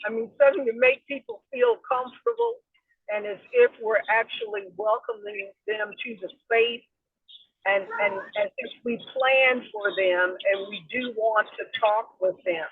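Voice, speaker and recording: A woman's voice: on the high side, lively intonation, normal speed, husky, dry recording. A woman calling into a meeting from her car, her phone connection breaking up as she talks hesitantly with many fillers and restarts. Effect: choppy cell phone connection breaking up. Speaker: meeting participant on a call. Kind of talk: casual group meeting discussion. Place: in a car while driving. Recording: tinny breaking-up phone line.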